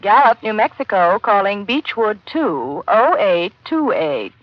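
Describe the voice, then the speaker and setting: An actress playing a courteous long-distance telephone operator in a 1940s radio drama, crisp and routine. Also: female voice, mid-range voice, big pitch swings, unhurried, dry recording. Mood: businesslike. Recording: dull lo-fi 1940s radio broadcast.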